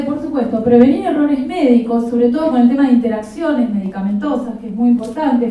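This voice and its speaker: A woman's voice: sits high, dark tone. A woman with an Argentine Rioplatense accent giving a practical, explanatory lecture at a professional conference, with a touch of humor. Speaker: conference speaker. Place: conference hall. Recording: very echoey hall, voice from far off.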